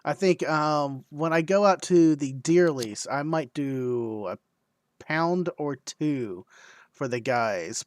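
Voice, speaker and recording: A man co-hosting a ham radio livestream in casual chat. He is easygoing, often makes soft-spoken asides and laughs readily. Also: medium pitch, no room sound. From United States.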